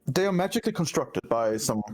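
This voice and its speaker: A man's voice: mid-range voice, animated, brisk, soft background music, rough recording. A man acting as game master, narrating a tabletop role-playing game and talking casually with players.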